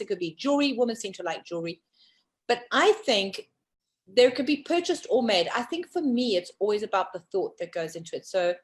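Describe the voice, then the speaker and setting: Woman running a chatty live show, bossy, teasing, laughs a lot. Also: mid-range voice. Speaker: host. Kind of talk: casual chat.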